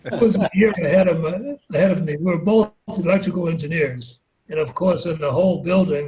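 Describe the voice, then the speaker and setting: An older man from New Orleans reminiscing in a measured, thoughtful way, with many pauses. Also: fairly high pitch, rough recording. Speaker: alumnus guest. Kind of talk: casual reminiscing.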